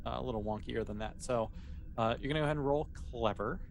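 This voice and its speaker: A man serving as game master for a tabletop sci-fi game improvises the narration and explains things casually, halting and correcting himself as he goes. His pitch is medium, and the recording is clearly noisy.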